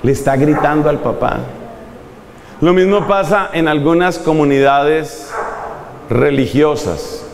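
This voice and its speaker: Male preacher, lively and humorous, fairly high voice, long echo of a church hall. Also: slow, gravelly, a crowd in the background. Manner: animated, humorous, acting out examples. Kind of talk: sermon.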